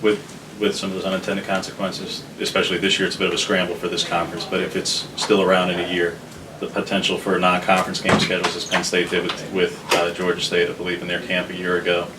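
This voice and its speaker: A man's voice: low-pitched, completely flat delivery, fast, far from the mic. A man working as a reporter, asking a long, wordy, carefully hedged question at a press conference. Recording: off-mic, noisy room.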